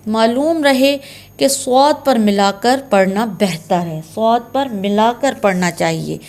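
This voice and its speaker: A woman's voice: on the high side, a little slow, a little mellow. A woman teaching Quran recitation signs in a patient, step-by-step way, repeating key terms. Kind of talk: slow explanatory lesson.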